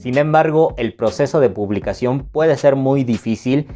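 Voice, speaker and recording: A man's voice: mid-range voice, dark tone. A Mexican man with a Mexican Spanish accent, teaching poetry in a casual, playful way and answering viewers' questions. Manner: playful, recites verse slowly and taps out rhythms. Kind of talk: casual explanatory lesson.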